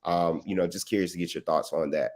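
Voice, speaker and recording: Man, very deep voice, sports talk host, casual, rambling, lots of fillers. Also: fast talker. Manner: relaxed, filler-heavy, asks long rambling questions.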